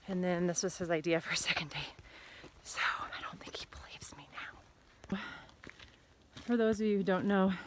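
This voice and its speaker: A middle-aged woman vlogging casually on an outdoor mountain trail, joking and a bit out of breath, talking into a handheld camera. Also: medium pitch. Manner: chatty, joking, laughs often. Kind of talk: casual hiking vlog.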